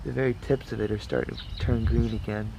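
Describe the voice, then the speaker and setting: A man's voice: fairly low pitch, steady tone, a little fast, vocal fry. A man giving a casual, laid-back walk-and-talk garden vlog with mild swearing, recorded outdoors. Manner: laid-back, mildly profane. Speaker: gardener vlogger. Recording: noisy outdoor recording with ambient sounds. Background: outdoor ambience.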